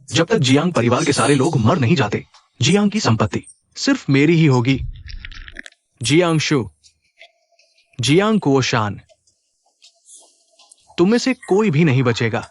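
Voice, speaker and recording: A man's voice: medium pitch, big pitch swings, unhurried, pauses often, breathy edge, no room sound. A man voicing a scheming male heir who coldly threatens his family. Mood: menacing. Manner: cold, menacing threats. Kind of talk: Hindi drama dubbing.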